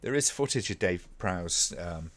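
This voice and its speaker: A man's voice: low voice, lively intonation, measured pace, fairly bright tone. A man from the UK hosting a live stream, chatting casually and chuckling as he rambles with fillers. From United Kingdom. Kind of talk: casual chat reacting to old clips.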